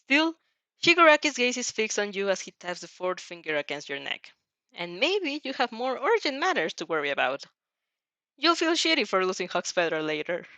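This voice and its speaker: Her sing-song, medium-pitched voice moves at normal speed with a sharp edge as she narrates second-person fan fiction dramatically and reacts to it. The recording has no echo.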